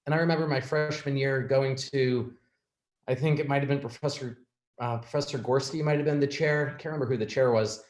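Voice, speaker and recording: A man on an alumni panel, recalling his student years in a measured way with small hesitations. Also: mid-range voice, steady tone, darkish tone. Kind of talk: reflective panel talk. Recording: echoey room.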